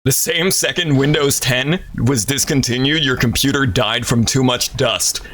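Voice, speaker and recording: Stuffy from a cold, a man streams a horror game and rambles through casual, self-deprecating commentary in a medium-pitched, slightly bright voice at a measured pace. He uses a desk mic through a failing audio interface that adds static, with game music in the background.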